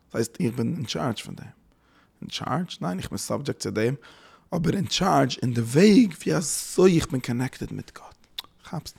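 A man giving a spoken religious lecture as a teacher, halting and searching for words, often dropping in English terms. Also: medium pitch, gravelly, a little mellow, breathy edge.

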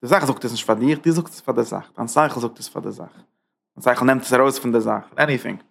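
A man's voice: mid-range voice, quick pace, vocal fry, a bit bright, husky. A man teaching a Torah class as a rabbi, driving his points with rhetorical questions and emphatic repetition. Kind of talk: Torah lecture.

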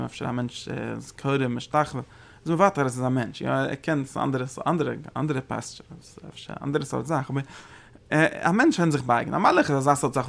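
A man's voice: mid-range voice, creaky, a bit bright. A man giving a religious study lecture as a Torah teacher. He halts often, repeats words and restarts phrases, and his voice jumps up when he stresses a point. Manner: sudden emphatic rises when stressing a point.

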